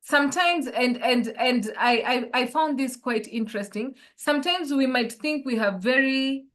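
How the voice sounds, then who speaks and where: A woman's voice: high voice, normal speed, fairly bright tone. Woman coaching over a call. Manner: poses reflective questions to listeners. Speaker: life coach. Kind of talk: online workshop talk.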